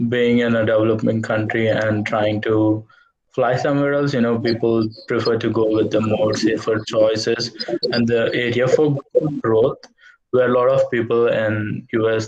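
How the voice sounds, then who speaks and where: A man from India, a software engineer, chatting on a video call in a hesitant, rambling way. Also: medium pitch. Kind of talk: casual chat on video call. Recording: dull lo-fi call audio with faint noise.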